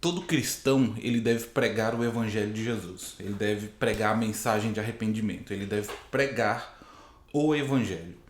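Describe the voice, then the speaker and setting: A hoarse man teaching from the Bible to camera, explaining patiently and rephrasing his points with frequent "né?". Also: lowish voice, moderate pace. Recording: very echoey room.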